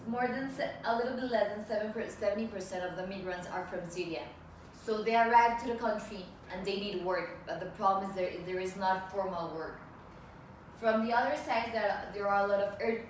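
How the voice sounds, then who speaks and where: Young woman presenting in an echoey room. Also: medium pitch. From Colombia and Mexico. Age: 20s. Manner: hesitant, many restarts and fillers. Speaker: student presenter. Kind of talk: class presentation. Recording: echoey room, far from the mic, faint noise.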